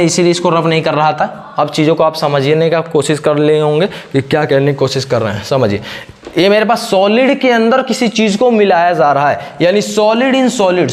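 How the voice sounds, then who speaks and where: A man teaching a chemistry lecture in Hindi. He asks questions and then answers them himself, repeating the same pattern. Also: fairly high pitch. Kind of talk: classroom lecture.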